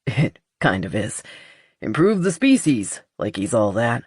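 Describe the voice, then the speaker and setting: Lady doing an easygoing guy in an audiobook, low and controlled, breathy, no room sound. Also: big pitch swings, unhurried, a little mellow, no room sound, clean studio sound, full character voice. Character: easygoing adult man, calm and teasing. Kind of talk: audiobook character voice.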